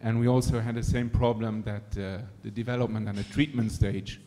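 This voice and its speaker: With a fairly low, mellow voice and fairly even intonation, a man from Luxembourg speaks briskly as he asks a question from the audience. A screenwriter-director, he is thoughtful and uses many fillers. The room carries noticeable hall reverb.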